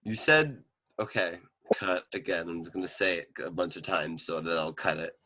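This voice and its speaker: A man's voice: low voice, normal speed, bright, forceful tone, poor audio. A young man hosting a casual podcast, rambling and joking, often stumbling over his words. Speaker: podcast host. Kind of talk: casual chat.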